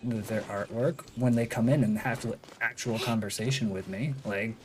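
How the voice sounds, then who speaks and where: A game streamer with a lowish male voice talks at a moderate pace, chatting casually and rambling as he plays on a livestream. Video game music plays behind him.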